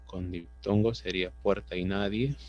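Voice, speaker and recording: Man, Peruvian Spanish accent, teacher, low flat voice, dull lo-fi video call sound. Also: normal speed. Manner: patient explaining with frequent tag questions. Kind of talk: online class lesson. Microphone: computer mic on a video call.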